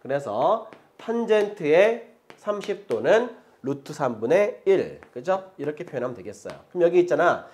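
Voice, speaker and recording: A middle-aged male math teacher whose lively pitch swings up and down as he lectures. He talks in a chatty way, switches between polite and casual speech, and keeps checking in with the students. Now and then he laughs as he explains. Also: normal speed.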